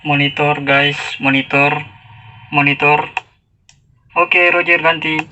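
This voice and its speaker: A woman's voice: sits low, steady tone, takes it slowly. A woman product reviewer heard through a handheld walkie-talkie, calling out clipped, repeated radio checks. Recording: tinny walkie-talkie speaker with loud static.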